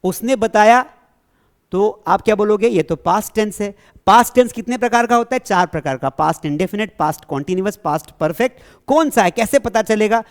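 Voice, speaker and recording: A man's voice: sits high, a little fast. A man teaching an English grammar lesson to a class. He keeps checking that the students follow, and he asks questions and then answers them himself. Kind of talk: classroom lesson explaining tenses.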